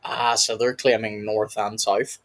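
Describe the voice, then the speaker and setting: A man's voice: fairly low pitch, little pitch movement, unhurried, creaky, a bit bright. A man hosting a casual reaction video, rambling and laughing often as he comments. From United Kingdom.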